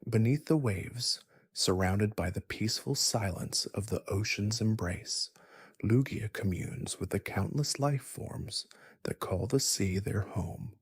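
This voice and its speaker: A man narrating a soothing sleep story in a hushed, half-whispered, unhurried way. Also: on the low side, breathy edge, no room sound, clean studio sound.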